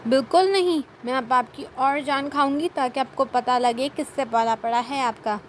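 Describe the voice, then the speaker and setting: A woman's voice: sits high, little pitch movement, slight background noise, close to an everyday voice. A woman voicing a playful, stubborn young wife who pleads and sulks in a storybook reading. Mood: teasing.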